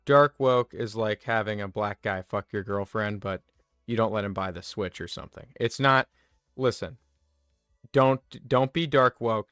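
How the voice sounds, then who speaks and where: A man delivers a satirical comedy monologue with mock earnestness, rambling and getting himself worked up as he goes. His voice is smooth and resonant and sits at an ordinary middle pitch. It is recorded close and dry, with faint music underneath. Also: a bit bright, no room sound. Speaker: comedy video host.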